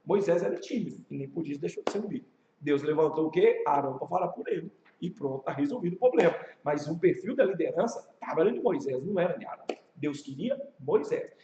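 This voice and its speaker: Pastor teaching a church leadership class, Brazilian accent, lively storyteller, high voice, recorded in an echoey, muffled room. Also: male voice, fast talker, slight background noise. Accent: Brazilian Portuguese. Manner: animated storytelling with rhetorical questions.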